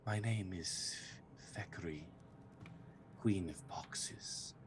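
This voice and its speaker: A man voicing a sickly sweet, seductive queen of pox and rot in a soft, breathy whispered role-play. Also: low voice, very slow, noisy background. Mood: sweetly tempting.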